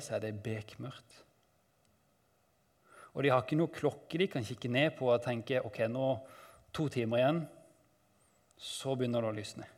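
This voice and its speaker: Male Bible teacher, mid-pitched, conversational sermon delivery, calm, phrases trailing off quietly. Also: big-room sound.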